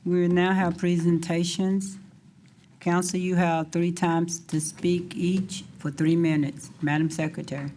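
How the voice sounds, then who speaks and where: A woman's voice: fairly low pitch, little pitch movement, measured pace, mellow, slight background noise. Woman chairing a council meeting.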